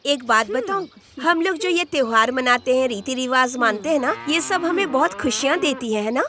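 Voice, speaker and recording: An actress dubbing a lively young village woman who speaks fondly of festivals. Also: high voice, moderate pace, a little hiss or hum. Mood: cheerful. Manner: lively, warm-hearted. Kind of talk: Hindi film dub.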